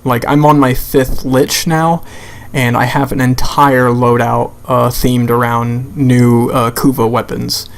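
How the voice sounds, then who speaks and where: A man's voice: mid-range voice, level tone, slow, gravelly. A man giving an unscripted, blunt and sweary rant as commentary over a video game, sounding exasperated. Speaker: gamer making a rant video.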